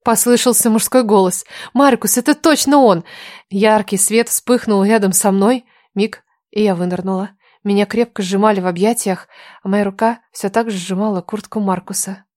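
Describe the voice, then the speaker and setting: A woman reading a first-person story aloud in steady scripted narration. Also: mid-range voice, normal speed, dry recording, studio quality. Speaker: audiobook narrator.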